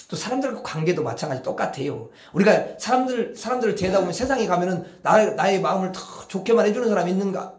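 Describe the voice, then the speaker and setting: A high-voiced male pastor preaches with lots of pitch movement, dropping to near-whispers and then rising to loud outbursts. He keeps calling on the congregation to answer him. The sound carries the echo of a church sanctuary. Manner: animated preaching, swinging between hushed murmurs and loud outbursts; coaxes the congregation with call-and-response. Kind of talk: sermon. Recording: echoey church hall.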